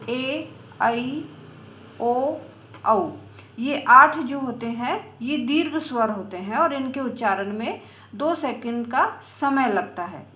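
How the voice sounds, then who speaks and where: A woman's voice: high voice, sharp tone. Patient woman teaching in an echoey room. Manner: slow, patient, drawn-out vowel examples. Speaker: Sanskrit teacher. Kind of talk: explanatory lesson.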